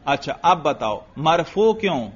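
A man's voice: fairly high pitch, very animated. Man teaching in a dull lo-fi recording. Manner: drills students with repeated questions and answers; chants phrases slowly in a sing-song. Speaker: religious teacher. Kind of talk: classroom lecture on grammar.

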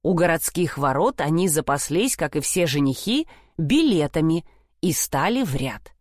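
A woman's voice: sits low, lively intonation, moderate pace, no room sound, studio quality. Woman reading a fairy tale expressively. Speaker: storyteller. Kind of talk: storybook narration.

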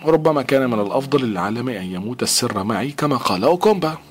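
A man's voice: mid-range voice, expressive, rapid-fire, a little hiss or hum, natural voice. A man voicing an imprisoned male scientist who argues in agitated, pleading outbursts.

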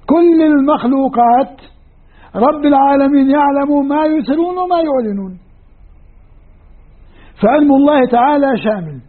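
High-voiced Levantine man lecturing, tinny sound. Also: normal speed, long pauses. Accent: Levantine Arabic. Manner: explanatory, poses questions to students and answers them. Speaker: Islamic studies teacher. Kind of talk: classroom lecture on Quranic grammar. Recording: tinny lo-fi phone-like recording.

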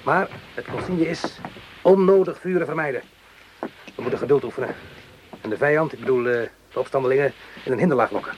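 In a radio play, a male actor with a medium-pitched voice portrays an anguished, protective French army corporal who used to be a farmer. His lightly acted delivery is earnest, deliberate, and patient, and the old recording is clearly noisy.

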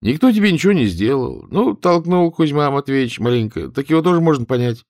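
A man's voice: fairly high pitch, expressive, brisk, a little mellow, dry recording, clean studio sound, voice pushed up. A man voicing a simple-hearted young village soldier who reasons in a folksy, colloquial way. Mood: coaxing reasoning.

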